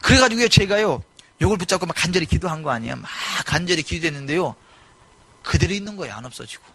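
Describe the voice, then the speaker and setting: A middle-aged male pastor preaching a sermon in a church, animated and given to sudden loud exclamations. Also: fairly high pitch, fast, slightly rough, dry recording. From South Korea. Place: church sanctuary.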